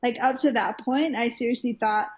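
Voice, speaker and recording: In a muffled lo-fi recording, a young guest minister from Wales, whose accent sounds American, recounts her story during a casual interview. Her voice is on the high side with fairly even intonation and a moderate pace, and her chatty delivery is full of fillers and restarts.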